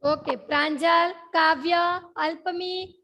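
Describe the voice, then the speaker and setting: A woman's voice: very high voice, fairly even intonation, takes it slowly, sharp tone. A young woman with a Gujarati accent teaching an online class, mixing in English words and repeating questions to check that the children follow.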